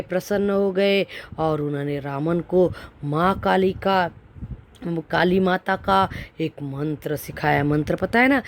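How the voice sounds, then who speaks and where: Woman teacher narrating for kids, very slow, repeats things in easier words. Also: sits low, darkish tone. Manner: explains by restating words with synonyms. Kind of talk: storytelling lesson for children.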